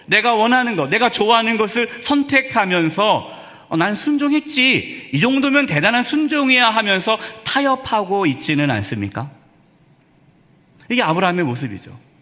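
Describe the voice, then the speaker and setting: High, lively-voiced preaching pastor. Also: male voice. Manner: preaching with many rhetorical questions. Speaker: senior pastor. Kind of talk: Sunday sermon. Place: church sanctuary. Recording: reverberant church hall.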